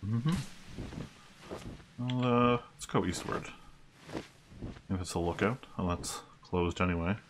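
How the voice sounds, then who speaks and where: Very deep-voiced man, casual game commentary. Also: slow pace, long pauses. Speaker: let's player. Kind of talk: casual game commentary, reading dialogue aloud. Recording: clear background noise.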